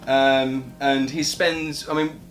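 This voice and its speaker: A man's voice: medium pitch, level tone, slow pace, faint music behind. A young man co-hosting a casual gaming chat, laid-back and agreeable with a dry manner. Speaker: co-host of gaming chat show.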